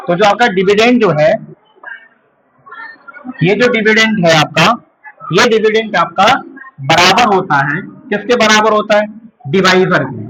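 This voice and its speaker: A male school teacher from India explaining division in a lesson, asking questions and answering them himself, and slowly repeating key terms. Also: sits high, bright, forceful tone, slight background noise, poor audio. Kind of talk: classroom math lesson.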